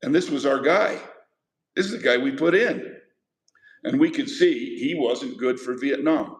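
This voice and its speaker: A man teaches a history class in an unhurried, medium-pitched voice, lecturing conversationally and putting questions to his students. The classroom is echoey.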